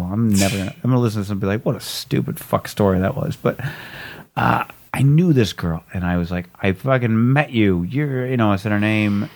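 A man telling a long, rambling, profane story in a casual chat, often mimicking other people in high squeaky voices. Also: a little mellow.

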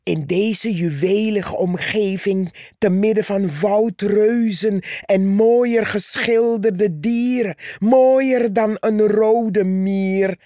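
Storybook: woman voicing a proud male tree, condescending and slow. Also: medium pitch, mellow, dry recording, clean studio sound. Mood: boastful. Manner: condescending, scornful. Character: boastful haughty male purpleheart tree.

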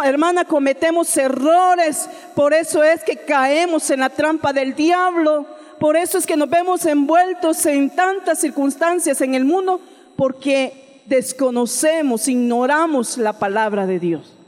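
With a high voice and a slightly slow pace, a woman delivers a sermon in church, her Central American Spanish accent clear. She addresses listeners as sister and sprinkles in many amens, all echoing through a large hall.

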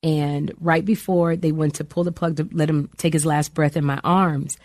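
A woman's voice: deep voice, steady tone, normal speed, a little mellow, no room sound, studio quality. A middle-aged woman speaking candidly and emotionally about faith, bringing her stories to life with quoted voices. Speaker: guest.

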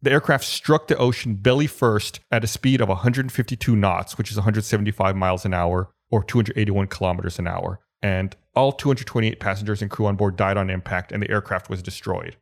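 Male podcast co-host, low voice, methodical and detailed storyteller. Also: fairly quick, few pauses. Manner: methodical, explanatory, steady retelling. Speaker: podcast co-host presenting the case. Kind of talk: casual podcast chat, narrating an aviation accident.

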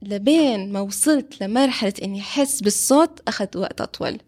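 A woman's voice: mid-range voice, fast, darkish tone. A woman with a Levantine Arabic accent, a violin teacher, sharing personal experience in a casual discussion.

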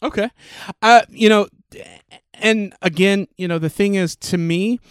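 A man co-hosting a casual chat podcast, rambling with lots of fillers and restarts, excitable. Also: sits high, unhurried, clear, resonant tone, no room sound, clean studio sound. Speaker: podcast co-host.

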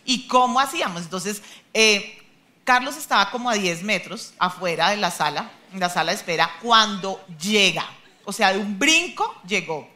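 A woman, a mother, telling a testimony at church in an animated way, laughing at herself. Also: mid-range voice, moderate pace.

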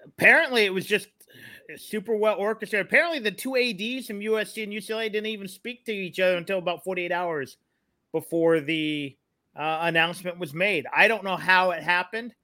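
A man with a bright, forceful voice pitched a little high, recorded dry and close. He gives measured, opinionated sports analysis in a conversational podcast style, explaining as he goes. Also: no room sound.

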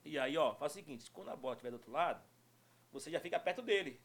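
A middle-aged man telling stories in casual chat, animated and laughing often. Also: a little high, racing. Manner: animated storytelling with frequent laughter. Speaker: guest storyteller.

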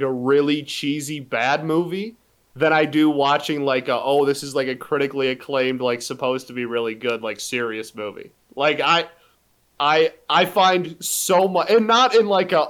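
A man in his early twenties with a fairly high, slightly bright voice co-hosts a podcast. He chats casually, with many restarts and fillers.

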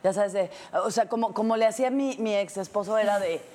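A woman chatting on a podcast, expressive and quick to react to the others. Her delivery is informal, lively and conversational. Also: mid-range voice. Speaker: podcast co-host. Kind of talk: casual chat.

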